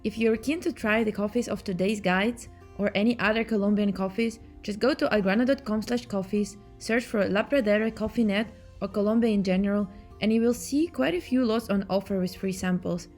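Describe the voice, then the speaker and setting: A woman's voice: medium pitch, a little fast, few pauses. A woman reading a scripted promotional introduction for a virtual trip. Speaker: narrator. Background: soft guitar music.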